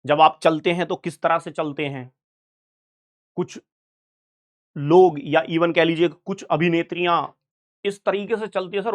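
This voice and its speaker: A young man teaching biology in an online exam-prep lecture, chatty, keeps checking in with students. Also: high-pitched. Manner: chatty, keeps asking "right, sir?" to students.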